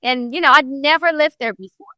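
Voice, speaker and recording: A woman from Ghana, a real estate broker, telling her story as a guest in an earnest, animated way, with many fillers. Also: sits high, brisk, no room sound. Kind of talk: casual interview storytelling.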